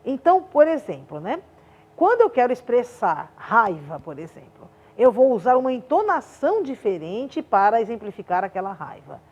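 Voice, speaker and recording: A woman teacher explains drama with a fairly high voice that swings widely in pitch. She talks expressively and demonstratively to her class. The sound is dull and lo-fi. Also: big pitch swings, moderate pace, darkish tone. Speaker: arts teacher.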